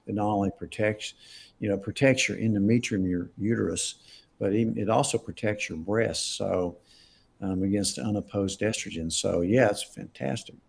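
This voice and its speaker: Low, gravelly, slightly husky man, a doctor fielding live questions, casual and emphatic. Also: normal speed, darkish tone. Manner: conversational, emphatic, laughs often. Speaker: doctor answering viewer questions.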